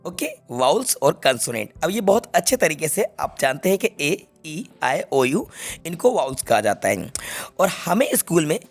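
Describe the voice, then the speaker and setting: A man's voice: on the high side, sing-song, moderate pace, soft background music. A young man teaching an English grammar lesson to students, explaining step by step and checking that they follow. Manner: explains step by step, repeats key points, checks students understand.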